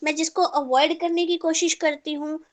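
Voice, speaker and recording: A woman's voice: high voice, level tone, moderate pace. A woman teacher giving an online class through an earphone mic, mixing Hindi with English terms and checking in with her students.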